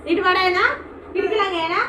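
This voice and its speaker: Young woman, coaxing sing-song to a child, high voice, echoey noisy home room. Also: steady tone, moderate pace. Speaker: vlogger mother. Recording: echoey room with background noise.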